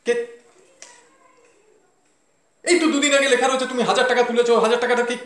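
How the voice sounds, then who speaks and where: Flustered stingy husband , guy acting it out, high voice, echoey room. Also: steady tone, racing, fairly bright tone, a little hiss or hum. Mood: indignant. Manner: frantic calling, then indignant complaining. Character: flustered, penny-pinching office-going husband. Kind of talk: comedy sketch acting.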